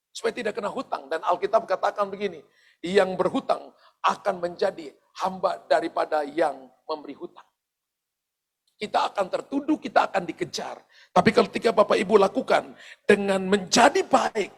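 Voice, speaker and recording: A man's voice: sits high, vocal fry, slightly rough. A male pastor giving a sermon, speaking straight to his congregation with asides and the odd chuckle. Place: church service.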